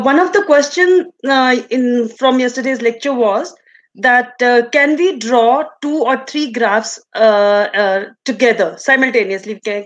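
A woman with an Indian accent giving an online lecture with a screen demonstration, explaining in a halting way over a video call. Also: on the high side. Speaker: resource person, lecturer. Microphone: video call from computer.

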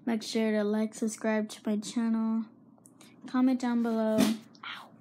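A young woman with a sore throat talking softly and hesitantly in a casual vlog update. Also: a little high, slight background noise. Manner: soft-spoken, hesitant, with fillers. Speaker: vlogger.

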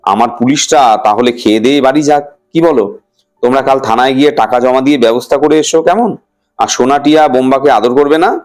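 A man's voice: medium pitch, a little fast, darkish tone, lightly acted. A man voicing a jovial middle-aged uncle who is a police officer, speaking in a hearty, reassuring way.

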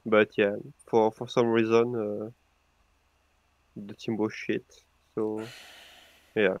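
A man's voice: on the low side, little pitch movement, no room sound, dull audio. A man on a podcast, stammering as he questions and breaks down a game's moves. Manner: stammering, quick to question plays. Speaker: podcast guest. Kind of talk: casual gaming commentary.

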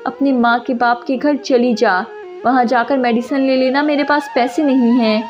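A woman's voice: high voice, steady tone, normal speed, lightly acted. A woman reading a harsh, abusive young husband. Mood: cold. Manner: shouting harshly. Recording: dull lo-fi audio with music.

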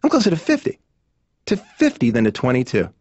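Voicing a neurotic, aging-anxious therapy patient of 39 in an animated sitcom, a thirties-aged man delivers an emphatic stand-up routine, worried and incredulous, imitating others along the way. His medium-pitched, darkish voice swoops wildly and moves briskly. The audio is muffled and dull, without room sound.

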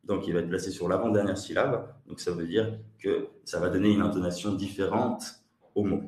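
A man's voice: low-pitched, steady tone, a little fast, a little mellow, roomy sound, distant mic. A man from Switzerland with a Swiss French accent, teaching an online webinar lesson, hesitant and repeating his words as he answers the chat.

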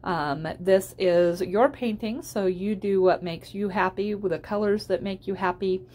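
A woman's voice: medium pitch, unhurried, a little mellow. A woman giving a casual instructional voice-over as a tutorial host, explaining step by step in an encouraging way.

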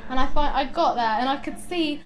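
Giggly excitable high-voiced woman. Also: fairly quick. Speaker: vlogger. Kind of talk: casual chatty vlog.

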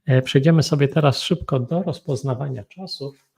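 A Polish man with a Polish accent teaching an English grammar lesson, talking slowly and thinking aloud while feeling unwell. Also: medium pitch, vocal fry, darkish tone, breathy edge. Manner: slow, thinking aloud with frequent hums. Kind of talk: solo grammar and pronunciation lesson.

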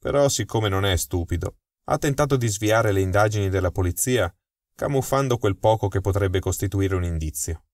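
A man voicing a calm, amused detective in an audiobook mystery, unruffled and dryly chuckling. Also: fairly low pitch, moderate pace, no room sound, lightly acted. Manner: unflappable, dry chuckle. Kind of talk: audiobook dialogue.

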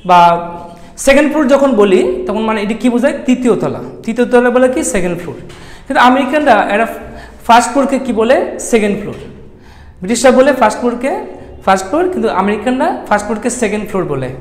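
A male lecturer, giving a classroom English lesson. He keeps asking the class questions and answering them himself, and he spells words out slowly. His voice rings through a roomy hall with a long reverb. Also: very high-pitched, expressive. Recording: echoey room with long reverb.

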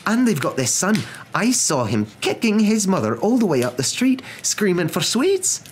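Man putting on high, anxious Professor McGonagall. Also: wildly swooping pitch, slow, a bit bright, slight background noise, heavily acted. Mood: appalled. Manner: faltering, emphatic, indignant. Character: anxious, stern older witch professor, female.

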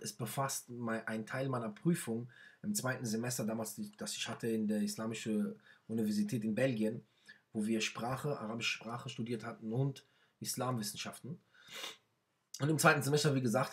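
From a small bedroom, a young man who isn't a native German speaker presents his own book in a casual talk to camera. His voice sits in the mid range, and he's hesitant, with plenty of fillers and restarts.

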